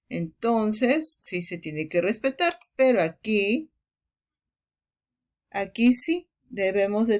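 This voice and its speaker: A woman's voice: a little high, a little mellow. A woman language teacher giving a recorded lesson, explaining step by step and repeating each example word. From Mexico.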